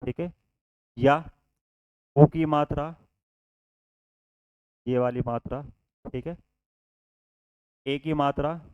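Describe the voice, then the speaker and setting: In an online exam-prep class, a man with a smooth, slightly raised voice teaches Hindi step by step, quizzing the class and answering his own questions; he calls his students children and keeps repeating "ठीक है". His delivery is slow and fairly even in intonation, a little high, with long pauses. The recording is dry, close, and echo-free, though somewhat dull and lo-fi.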